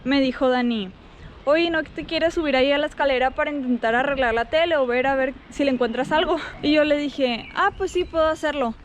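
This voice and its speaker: A young woman with a Mexican accent vlogs about her week in a chatty, colloquial way, acting out the dialogue she reports. Her high voice runs a little fast, with slight hiss or hum in the audio.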